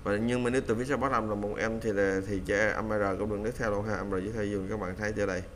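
Male pronunciation teacher, lowish voice, casual and chatty, repeats example phrases slowly; faint noise underneath. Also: steady tone, a bit bright. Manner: repeats English phrases slowly after the recording, chatty fillers. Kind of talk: casual spoken lesson, repeating model sentences slowly.

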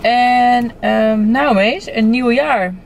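A woman's voice: a little high, extremely slow, vocal fry. Young woman eating and talking in a car, casual chat, chewing between words, noticeable background noise. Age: young adult. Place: inside a parked car. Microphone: camera on the dashboard.

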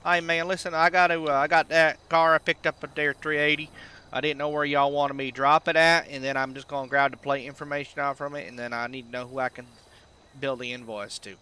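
A man's voice: a little high, level tone, a little fast, pushed and bright, clean tone. A man playing a friendly, folksy country tow-truck driver with a drawling way of talking, in a game role-play. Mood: businesslike.

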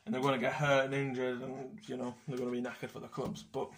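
A man's voice: mid-range voice, completely flat delivery, fast, slight background noise. A young man ranting casually about football selections, blunt and sweary. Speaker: football fan vlogger.

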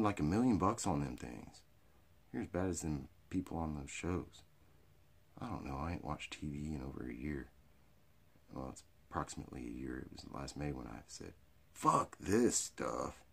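A middle-aged American man with a hick drawl and a gravelly, raspy voice, rambling through off-the-cuff comedy to camera in a crude, rowdy redneck manner. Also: rumbling low. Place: small cluttered indoor storage room or workshop. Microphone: phone or webcam at arm's length.

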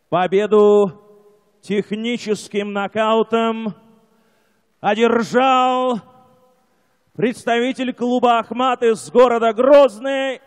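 A man announcing a fight result to the hall in a formal, drawn-out style. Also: smooth. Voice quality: booming, drawn-out delivery. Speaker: ring announcer. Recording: long hall reverb.

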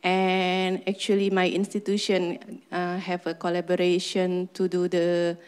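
A woman's voice: lowish voice, monotone, a little slow, a little mellow, smooth. A woman from Indonesia, a researcher, introducing herself and her work at a workshop in an earnest, explanatory way.

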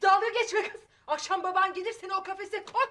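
A nagging loud mother. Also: very high voice, fairly even intonation, fairly quick. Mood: scolding. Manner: scolding, nagging. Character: scolding middle-aged mother, nagging and loud.

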